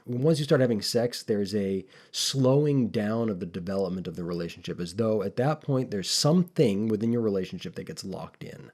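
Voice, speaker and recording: A man's voice: on the low side, mellow. A man co-hosting a podcast, talking casually and thoughtfully, rambling with frequent restarts. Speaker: podcast co-host.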